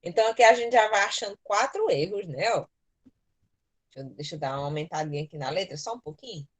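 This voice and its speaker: A woman's voice: fairly low pitch, expressive, quick pace, slightly rough. Patient Brazilian woman teaching an online class. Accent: Brazilian Portuguese. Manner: patient, explaining step by step. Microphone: computer mic in a virtual class.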